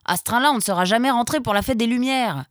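A woman's voice: on the high side, quick pace, no room sound, studio quality, pitched above the performer's own voice, lightly acted. A woman voicing a brash, impatient male fox soldier who scoffs at his comrade. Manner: scoffing, pushy.

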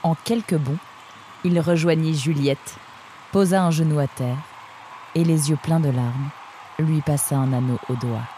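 A woman narrating a children's animal story with an expressive reading. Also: sits low, unhurried, slight background noise.

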